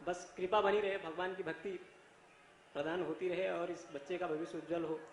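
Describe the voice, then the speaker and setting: Male devotee from Madhya Pradesh, high-pitched, deferential and devout, in a reverberant, slightly noisy space. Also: fairly even intonation, normal speed. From Madhya Pradesh, India. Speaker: devotee called up to the microphone. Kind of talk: reverent spoken exchange. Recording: echoey hall PA with background noise.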